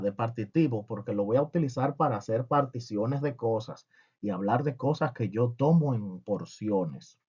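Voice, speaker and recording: A man's voice: medium pitch, dark tone, highs cut off. A man teaching a French lesson with humor, asking and answering his own questions.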